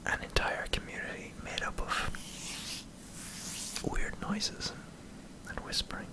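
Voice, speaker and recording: An Irish man in a hesitant, self-deprecating ASMR ramble, speaking in a breathy whisper close to the microphone. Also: slow, low-quality recording. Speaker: ASMR video creator. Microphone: close microphone in front of a camera.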